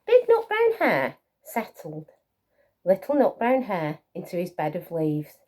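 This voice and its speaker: A woman telling a picture-book story to small children. Her pitch swings in a lively way and she takes her time. She often turns to the listeners with encouraging little questions and asides. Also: measured pace.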